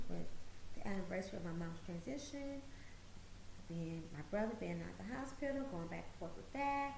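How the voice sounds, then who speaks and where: Her voice fairly high yet darkish in tone, a woman in her late forties delivers a motivational monologue as a talk show host. She drives her points home emphatically through repetition; the recording carries a little hiss, roomy echo, and faint ambience.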